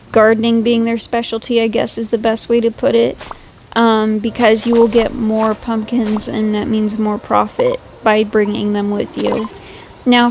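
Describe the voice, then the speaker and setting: A woman's voice: on the high side, darkish tone, a little hiss or hum, low-quality recording. A woman chatting casually over her gameplay, rambling and self-deprecating, sleepy and yawning late at night. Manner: gushes over cute animals. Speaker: gaming YouTuber.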